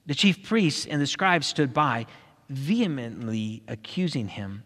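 A man's voice: medium pitch, big pitch swings, measured pace, fairly bright tone. Man reading scripture in a hall. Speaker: scripture reader. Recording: long hall reverb.

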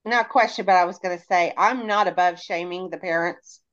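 A woman's voice: lowish voice, fairly quick, muffled recording. A woman who runs a haunted attraction, talking in chatty podcast conversation. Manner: chatty, many fillers. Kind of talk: casual podcast chat.

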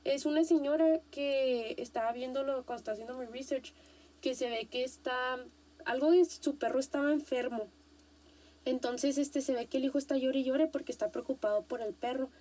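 A young Mexican woman hosting a casual podcast, animated and slangy, repeating herself for emphasis. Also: sits high, normal speed. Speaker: podcast host.

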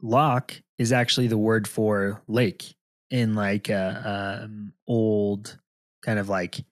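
A man's voice: on the low side, level tone, slow, no room sound. Male podcast co-host, casual and rambling, hesitant, dry close mic. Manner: rambling, hesitant, laughs often. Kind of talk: casual chat.

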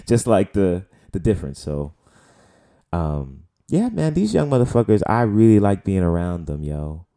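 A Bronx man in his late twenties hosts a solo podcast, talking casually with a New York accent. His fairly low, dark voice has a sing-song lilt, a measured pace, and vocal fry, while his delivery is loose, profane and rambling with heaps of fillers.

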